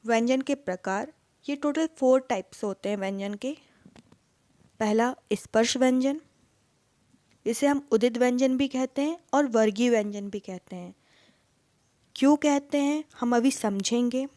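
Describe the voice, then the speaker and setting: A woman's voice: on the high side, unhurried, long pauses, dark tone, no echo. A woman teacher giving an exam-prep lesson, asking questions and then answering them herself. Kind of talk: exam-prep lesson, Hindi mixed with English words.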